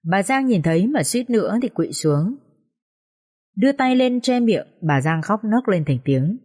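A woman giving scripted audiobook narration in a steady storytelling manner. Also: medium pitch, unhurried.

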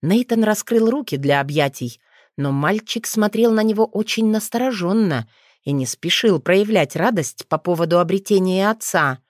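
A woman narrating a fantasy audiobook in an even, measured storytelling manner. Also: medium pitch, dry recording, studio quality.

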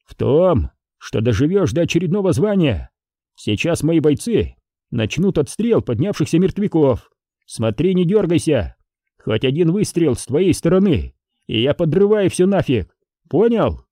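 A man's voice: on the high side, sing-song, warm tone, no room sound, clean studio sound, pitched above the performer's own voice. A man doing a stern army officer. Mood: commanding. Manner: firm, commanding, measured. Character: stern male army officer negotiating threats.

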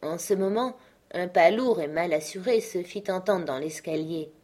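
Woman narrator, audiobook, measured and steady, lowish voice.

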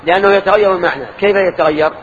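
Speaking very fast in a high-sitting voice, an older man gives a religious lesson at a mosque, questioning and correcting his students as he explains. The recording is dull and lo-fi, with faint background noise.

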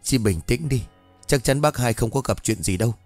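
A man's voice: mid-range voice, expressive, normal speed, darkish tone, dry recording, faint music behind. A man voicing a kind middle-aged village woman who soothes a neighbor in a ghost story. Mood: soothing.

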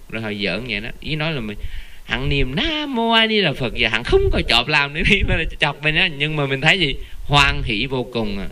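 A man with a bright, forceful voice gives a relaxed, conversational Buddhist dharma talk. He sounds earnest and animated and keeps calling out the Buddha's name for emphasis. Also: mid-range voice. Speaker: Buddhist lay teacher.

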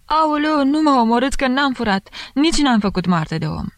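A woman voicing a young peasant servant woman who wails and protests in loud country speech. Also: medium pitch, lively intonation, gravelly, dry recording, voice pushed up. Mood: wailing.

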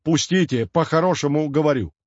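A man playing a gruff stern yard sweeper. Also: a little high, fairly quick, darkish tone, no echo, highs cut off, close to an everyday voice. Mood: angry.

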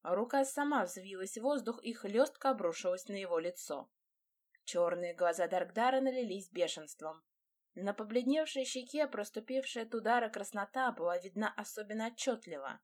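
Woman reading a romance audiobook, dramatic, mid pitch. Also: expressive, moderate pace, darkish tone. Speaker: audiobook narrator. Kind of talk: first-person audiobook narration.

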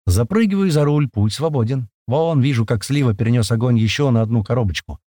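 A man narrating a first-person action story, voicing the characters' shouted lines with rough force. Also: medium pitch, expressive, brisk, no echo, studio quality. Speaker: audiobook narrator.

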